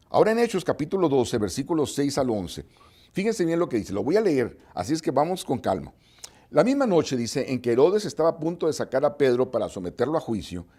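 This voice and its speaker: A man's voice: on the high side, darkish tone. A man preaching a TV sermon, reading scripture aloud and asking his listeners rhetorical questions. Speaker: evangelist preacher.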